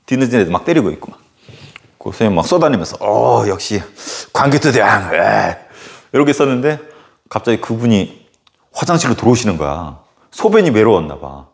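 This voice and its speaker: A male history teacher tells a story casually during a lecture, animated and full of fillers. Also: fairly low pitch, a little fast.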